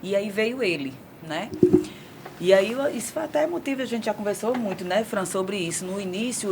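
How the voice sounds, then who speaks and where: A woman's voice: mid-range voice, background noise. Candid Northeastern Brazilian woman in her forties. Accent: Northeastern Brazilian Portuguese. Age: 40s. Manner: candid, storytelling, animated retelling. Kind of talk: casual talk-show chat.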